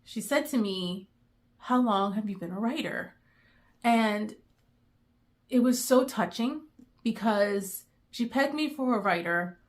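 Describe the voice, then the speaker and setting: A middle-aged woman, chatting in a rambling way with many pauses, going emotional at times. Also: mid-range voice, lively intonation. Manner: emotional, near tears. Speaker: book vlogger. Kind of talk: casual chat.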